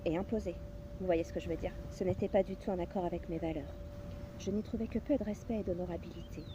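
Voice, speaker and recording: A woman in her thirties, a personal development coach, narrating her own story in a measured, earnest way with occasional hesitations. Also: medium pitch. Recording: steady background noise with passing traffic.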